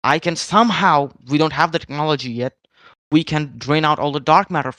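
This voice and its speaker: A man debating in a heated voice chat, explaining his points step by step in a measured way. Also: a little high, a bit bright, no echo. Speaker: debater arguing against religion.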